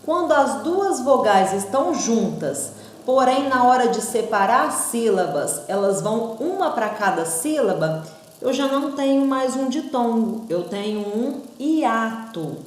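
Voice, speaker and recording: Woman, primary teacher, sounds out vowels slowly, echoey room. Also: fairly high pitch, expressive. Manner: slow, sounds out syllables and vowels, asks rhetorical checks. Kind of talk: recorded online class.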